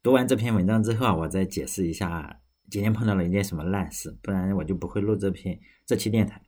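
A man's voice: low voice, quick pace, a little mellow. A man hosting a casual audio talk show, reading a short story aloud and then rambling about his day, often correcting himself as he goes. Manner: rambling, self-correcting, plain-spoken. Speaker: podcast host.

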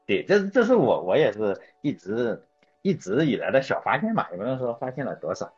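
A man's voice: mid-range voice, sing-song, brisk, slightly rough. A man hosting a casual chat show, rambling through anecdotes and correcting himself as he goes. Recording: dull lo-fi sound with faint music.

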